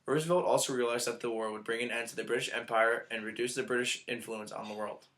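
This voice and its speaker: A man's voice: medium pitch, fairly even intonation, fast talker, a bit bright, poor audio. A man reading scripted historical narration aloud in a formal, report-like way.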